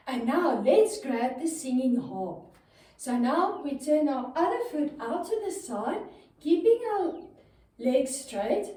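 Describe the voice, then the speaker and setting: Her voice is extremely high and warm as she tells a children's story, leading young listeners through yoga movements with simple, encouraging step-by-step directions. The room is very echoey and the microphone sits far away.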